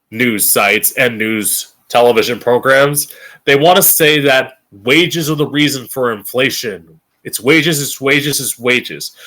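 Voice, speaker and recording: A man's voice: mid-range voice, pushed and bright. An American man hosting as a drag queen, giving an opinionated political monologue to camera in a campy, sassy, blunt manner with swearing. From Florida, United States. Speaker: drag queen host of a political commentary show.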